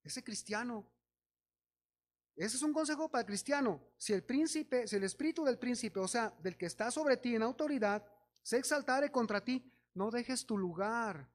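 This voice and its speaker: In his sermon, a man with a Mexican accent tells stories, performs the voices of the people in them, and urges his congregation on as brothers. He sounds animated and very high-pitched, at a moderate pace.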